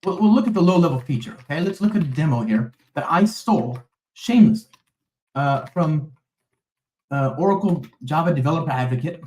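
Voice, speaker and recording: In a casual, chatty live coding walkthrough, a man types code while chatting with his live audience, rambling with plenty of fillers and checks such as "okay?" and "right?". His slightly high voice is animated, brisk, and a little mellow, recorded roughly in a reverberant space.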